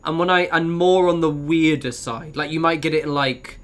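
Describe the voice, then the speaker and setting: A man's voice: a little high, moderate pace. A man with a modern British Received Pronunciation accent, giving chatty, sweary, bantering commentary as he streams a game. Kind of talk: casual gameplay commentary.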